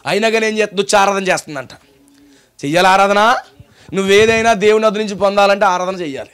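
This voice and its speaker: A man with a Telugu accent preaching a sermon as a pastor, firing rhetorical questions at the congregation and pausing for call-and-response. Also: high voice, fairly bright tone, clean tone.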